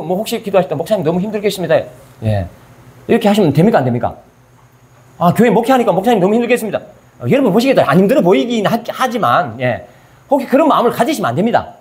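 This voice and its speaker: A man's voice: high voice, darkish tone. A male pastor preaching a sermon. He asks his listeners questions and answers them himself, and he acts out scripture in casual everyday speech.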